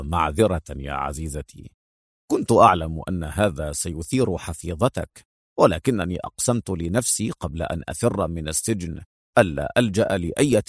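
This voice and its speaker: A man doing a calm, deep-voiced spy hero. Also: gravelly, no room sound, studio quality, full character voice. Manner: low, unhurried, gently assured.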